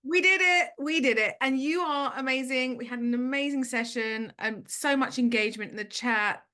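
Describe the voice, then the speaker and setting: A woman hosts the session with an upbeat, enthusiastic delivery. Her voice is bright and fairly high, with a crisp edge as she reads out questions. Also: normal speed. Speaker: workshop host. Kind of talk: reading audience questions and closing remarks.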